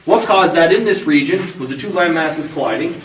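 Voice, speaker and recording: A man's voice: a little high, normal speed. A man giving an explanatory, instructive guided tour commentary as a tour guide inside an underground mine tunnel. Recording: echoey, distant, noisy tunnel recording.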